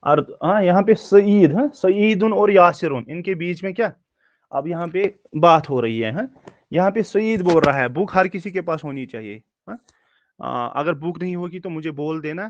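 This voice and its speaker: A man teaching a recorded lecture, explaining slowly, repeating words and checking in with his students. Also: high-pitched, expressive, no echo. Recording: dull dry lo-fi recording.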